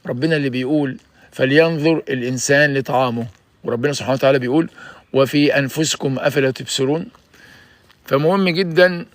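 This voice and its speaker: A man in his sixties with an Egyptian accent, hosting a casual livestream and preaching health advice in an energetic, urging way. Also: mid-range voice, fast talker, no echo. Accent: Egyptian Arabic. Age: 60s.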